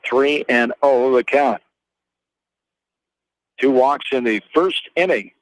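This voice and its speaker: Calling play-by-play for a live baseball radio broadcast, this American man keeps his phrases terse and clipped, pausing between them. He has a mid-range voice, and the recording is rough.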